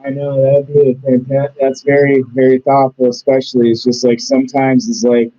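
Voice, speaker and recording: A man's voice: mid-range voice, completely flat delivery, moderate pace, dark tone. A man hosting a casual interview, rambling encouragingly with lots of fillers. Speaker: host. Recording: dull lo-fi audio.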